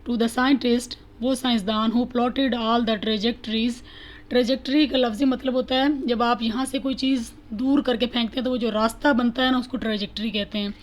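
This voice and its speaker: A woman teaching an English lesson, reading each textbook line slowly and then explaining it in Urdu. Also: fairly high pitch, low-quality recording.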